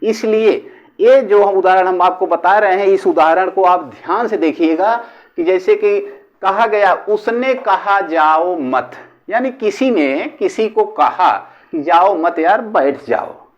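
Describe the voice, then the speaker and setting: A man's voice: high voice, dull audio. A man teaching a Hindi grammar lesson, repeating and drawing out each example phrase word by word. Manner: slow, repetitive, drawing out example sentences word by word. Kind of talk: classroom-style lesson explaining a figure of speech.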